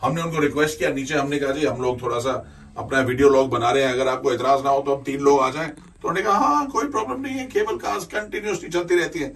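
A man's voice: medium pitch, fast, fairly bright tone, distant mic. A man in his forties co-hosting a travel vlog from inside a cable car, chatty and joking as he points out the views. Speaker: travel show co-host.

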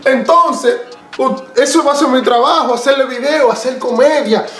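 A young man with a Dominican Spanish accent and a strikingly high voice addresses his viewers. He talks in animated street slang, like a comedy host making an announcement. The room echoes, and light music plays behind him. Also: normal speed. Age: young adult. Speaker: YouTube comedy creator, host. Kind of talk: comedic direct-to-camera channel announcement. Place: small indoor room with bare wall.

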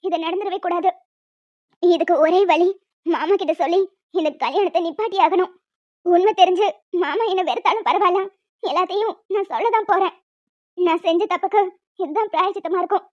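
A woman's voice: very high-pitched, fairly quick, long pauses. A woman voicing a remorseful, jealous young woman who talks in an earnest, pleading way. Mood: determined. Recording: dull lo-fi audio with music.

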